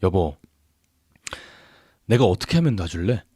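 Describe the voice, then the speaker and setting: Man as a cold, weary cheating husband, low and subdued, radio drama, dry sound. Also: very animated, a little slow, mellow, husky, no echo, full character voice.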